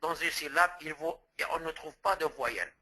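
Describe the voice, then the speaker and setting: A man's voice: fairly high pitch, normal speed, sharp tone, poor audio. A man from Morocco giving a lecture as a teacher trainer, explaining step by step and restating terms with word examples.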